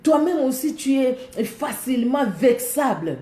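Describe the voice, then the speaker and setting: A woman's voice: high voice, sing-song, unhurried, mellow, echoey room. A woman preacher with a Congolese French accent, delivering a sermon emphatically, repeating her phrases and speaking straight to her listeners.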